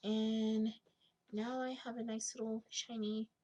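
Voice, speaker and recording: A young woman with a raspy smoker's voice giving a casual screen tutorial, thinking aloud in informal, slangy speech and often clearing her throat. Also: a little high, level tone, measured pace, darkish tone, slight background noise, low-quality recording. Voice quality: husky smoker's rasp with gravelly creak. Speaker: digital art tutorial host.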